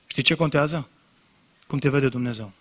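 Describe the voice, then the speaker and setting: A man preaching a sermon as pastor, speaking straight to the congregation and building to loud, impassioned emphasis. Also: mid-range voice. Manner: addresses congregation directly and repeatedly.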